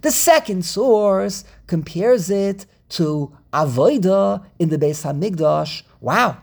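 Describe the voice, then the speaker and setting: A man's voice: high voice, animated, creaky, darkish tone. Man's voice glitching on a call. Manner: explains slowly with many repeated starts. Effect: glitching, breaking-up call audio. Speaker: rabbi teaching a class. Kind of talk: Torah lesson over a video call. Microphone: video call.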